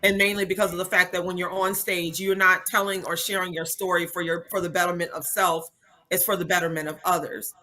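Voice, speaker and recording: A woman's voice: fairly low pitch, flat delivery, brisk, sharp tone. A woman speaker and coach answering interview questions in a polished, upbeat way.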